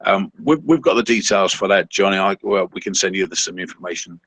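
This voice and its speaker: A man co-hosting a casual online coaching call, talking in halting bursts full of ums and restarts. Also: low-pitched, a bit bright, no room sound, rough recording. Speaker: co-host of a seller coaching webinar.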